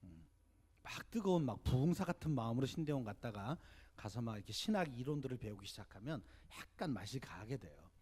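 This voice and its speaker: A man in his fifties, a pastor, giving a church seminar sermon, telling animated stories and asking the audience questions. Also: mid-range voice, a little fast, slightly rough.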